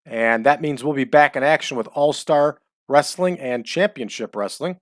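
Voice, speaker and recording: A chatty man in his forties hosts a relaxed playthrough of a wrestling management game and rambles loosely between results. His voice sits at an ordinary middle pitch. He records close to a dry mic. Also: normal speed, dry recording. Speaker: let's-play host. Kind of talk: casual commentary over a wrestling management game.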